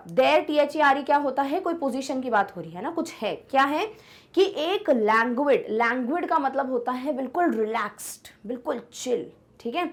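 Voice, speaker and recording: Young woman teacher, high voice, chatty explainer, keeps asking if it's clear, reads the english lines slow. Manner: chatty, explanatory, checks understanding with "ठीक है". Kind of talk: online lesson explaining an English poem in Hindi.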